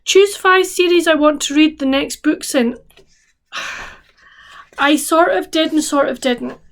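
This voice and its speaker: A woman's voice: sits high, takes it slowly. A woman chatting casually as a book vlogger, rambling with restarts and fillers, sounding tired. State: tired, yawning. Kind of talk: casual chat to camera.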